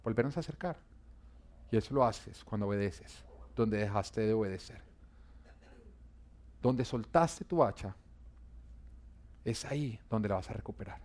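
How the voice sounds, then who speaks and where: A man's voice: fairly low pitch, animated, a little slow, long pauses, a little mellow. A man pastor preaching a sermon, repeating key lines and pushing emphasis up on important phrases.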